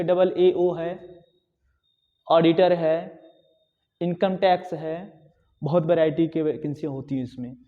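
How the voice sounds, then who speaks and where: A man with a high but warm, mellow voice gives a classroom lecture, pushing his students again and again in a plain, chatty way. The sound is dull and lo-fi, with a long reverb trailing off each phrase. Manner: exhorting, repetitive, conversational. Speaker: teacher. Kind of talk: classroom lecture on exam preparation.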